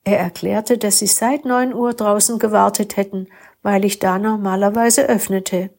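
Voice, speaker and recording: A woman reading a first-person story aloud with calm, steady narration. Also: medium pitch, normal speed, creaky, husky. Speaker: story reader.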